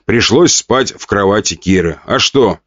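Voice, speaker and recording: A male audiobook narrator with a low voice and a steady reading style. The sound is dry and slightly dull, close to the mic. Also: unhurried, no echo. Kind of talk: scripted narration.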